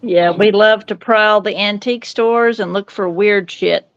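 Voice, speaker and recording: A woman's voice: medium pitch, steady tone, unhurried, muffled recording. A woman, chatting casually as co-host of a paranormal podcast from home. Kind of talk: casual chat. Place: home bedroom.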